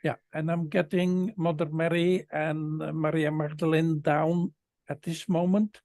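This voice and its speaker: A man giving an unscripted spiritual talk, halting and repeating words as he searches for phrasing. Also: fairly high pitch, level tone, a little mellow. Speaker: spiritual guest speaker.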